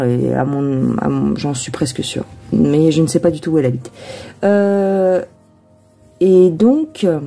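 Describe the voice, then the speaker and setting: A woman's voice: low-pitched, warm tone, breathy edge. A woman tarot reader chatting casually before a reading, rambling with many hesitations and asides to herself.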